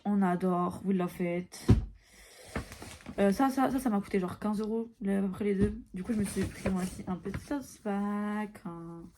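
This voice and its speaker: A woman's voice: mid-range voice, normal speed, noisy background. A woman in her early twenties chatting casually to camera, tired and mixing English phrases into her talk. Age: early 20s. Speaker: vlogger.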